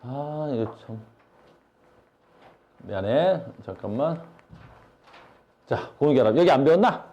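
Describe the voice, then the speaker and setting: A man's voice: mid-range voice, expressive, a little slow, dark tone, highs cut off. A male science teacher giving a classroom lecture, blunt and slangy, asking his students questions all the time.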